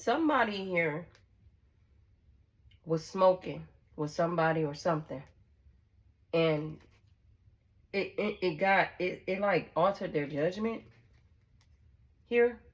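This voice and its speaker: A woman's voice: fairly low pitch, slow pace, long pauses. A woman giving a casual tarot reading to her viewers. She is blunt, swears freely, repeats herself, and checks in with "okay?". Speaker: tarot reader.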